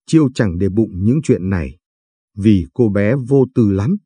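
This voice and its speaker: A man's voice: lowish voice, animated, unhurried, mellow, breathy edge, dry recording. A man voicing a caring young man who is earnest and worried, talking protectively in a storybook reading. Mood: reassuring, fretful.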